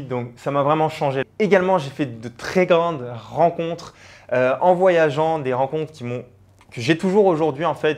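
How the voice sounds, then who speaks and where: A young man, a personal branding coach, talking earnestly and directly to the viewer in a motivational vlog, with frequent fillers. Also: fairly high pitch. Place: abroad on travel.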